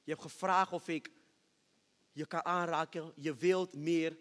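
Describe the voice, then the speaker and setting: A man preaching a sermon testimony on a church stage, moving from hushed storytelling to loud, shouted praise. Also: a little high, fairly even intonation, unhurried. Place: church stage with reverberant hall. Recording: long hall reverb.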